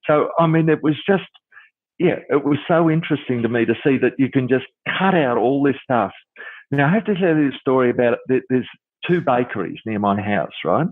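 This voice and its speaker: A male dentist on a podcast interview, telling lively stories and acting out bits of dialogue, with lots of "you know"s. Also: mid-range voice, a little fast, no room sound. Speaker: dentist and dental coach. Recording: tinny phone-like line.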